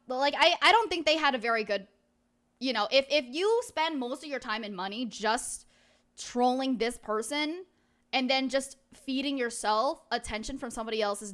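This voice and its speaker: A woman's voice: sits high, a bit bright. A woman livestreamer chatting casually with her viewers in a cutesy, playful manner. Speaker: livestreamer, VTuber.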